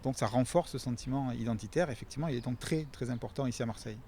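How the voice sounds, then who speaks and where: A man with a mid-pitched voice explains things quickly in an interview, as an expert would. There is faint city noise behind him. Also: darkish tone. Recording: faint urban background noise.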